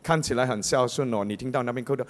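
A man with a Malaysian accent, a pastor preaching a sermon as an animated storyteller who mimics voices. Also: medium pitch, fast.

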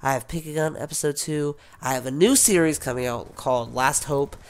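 A man's voice: a little high, a little fast. A man with a sick voice, rambling casually as a gaming YouTuber, with many fillers and restarts. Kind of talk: rambling casual vlog talk.

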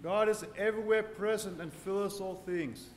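Man, 30s, priest, earnest sermon, fairly high voice, reverberant church hall. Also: a little hiss or hum. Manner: earnest, unhurried preaching with rising joyful emphasis. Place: large ornate church with congregation. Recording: echoey church hall, reverb, faint ambience.

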